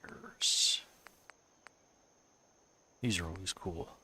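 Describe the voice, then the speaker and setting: He drags out his words, his somewhat low voice slightly rough and congested from a cold, sniffling as he goes. Building on a live stream, he casually talks to himself, muttering his thoughts in a laid-back way.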